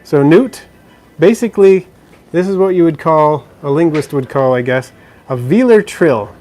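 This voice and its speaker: A man with a mellow, expressive voice on the high side talks at normal speed while answering viewer questions on a live stream. He's indoors next to a frog terrarium, chatty and easygoing, using many fillers and restarts.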